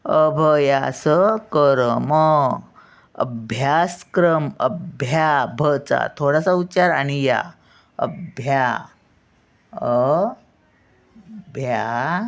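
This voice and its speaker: A woman's voice: low voice, drawn-out words, creaky, dull audio. An older woman giving a spelling lesson to children, patiently sounding words out syllable by syllable. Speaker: teacher.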